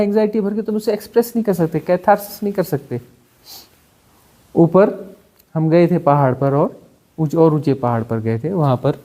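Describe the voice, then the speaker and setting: High-voiced man giving a spiritual discourse. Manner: rhetorical questions, animated mocking examples. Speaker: spiritual teacher. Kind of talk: satsang discourse.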